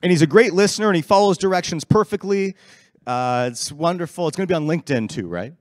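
A man's voice: fairly high pitch, lively intonation, fast, dry recording, studio quality. A man hosting an open-mic event in a large council chamber, upbeat and joking with the crowd, speaking into a handheld mic. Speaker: event host.

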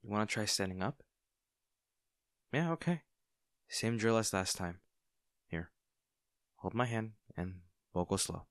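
The man's lowish voice is animated yet a little slow, with frequent pauses, captured in studio quality without room sound. Playing a kind, shyly smitten young barista in an intimate comfort audio roleplay, he comes across caring and reassuring, soft-hearted and somewhat hesitant, in natural conversational acting.

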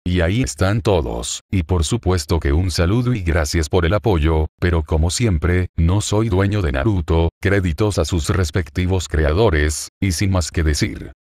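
A man narrating a fan fiction story in a plain, steady reading voice. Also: low voice, moderate pace, few pauses, no room sound, studio quality.

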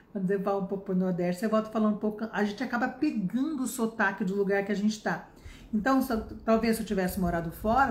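A woman's voice: medium pitch, darkish tone, reverberant. A Brazilian woman in her fifties, an English teacher giving a casual spoken lesson, chatty and emphatic with many tag questions. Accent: Brazilian Portuguese. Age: 50s.

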